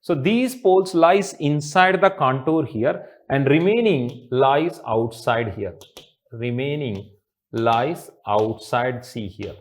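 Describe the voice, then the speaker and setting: A man's voice: medium pitch, animated, slow. A man in his thirties with an Indian accent lecturing on mathematics at a board, often repeating his phrases and checking in with students. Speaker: mathematics teacher. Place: indoor teaching studio with blackboard.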